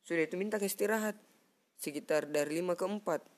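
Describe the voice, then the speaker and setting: A young man from South Sulawesi with a Makassar Indonesian accent, telling a story in casual chat on a cheap headset mic, animated and acting out sounds. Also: sits high, fast talker. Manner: animated, mimics sounds and acts out friends' lines. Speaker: guest storyteller.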